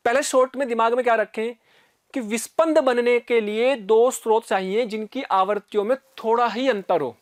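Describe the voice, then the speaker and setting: A man's voice: very high voice, fairly even intonation, moderate pace, no room sound, studio quality. A man teaching physics in a recorded lecture. He explains step by step, often checks in with his students, and repeats sounds aloud to demonstrate.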